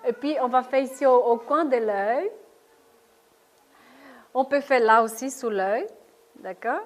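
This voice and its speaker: A woman's voice: a little high, animated, unhurried. A woman leading a workshop talk, explaining a technique step by step and often checking with "d'accord?". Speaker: workshop speaker on stress. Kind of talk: live talk demonstrating tapping technique. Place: lecture room with audience.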